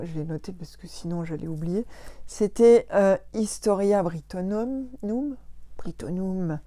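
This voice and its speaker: A woman's voice: medium pitch, dark tone, dry recording. A woman from Alsace, hosting a casual live talk for her followers on a phone, hesitant and full of fillers and self-corrections. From Alsace, France. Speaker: host of a weekly live. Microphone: phone on an Instagram live.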